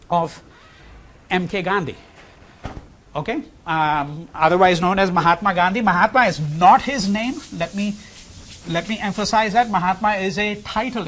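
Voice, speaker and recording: Animated high-voiced male history lecturer. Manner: animated, rhetorical questions, frequent "okay?" and "right?".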